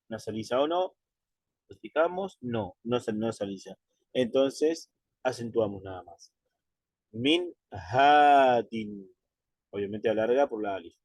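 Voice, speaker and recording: A man leads a step-by-step recitation lesson at an unhurried pace, patient and methodical. He checks in with his students and stretches out the sounds as he models them. His mid-range voice is recorded dry and close. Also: medium pitch, darkish tone, no room sound. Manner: slows way down to model drawn-out pronunciations. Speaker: Quran recitation teacher.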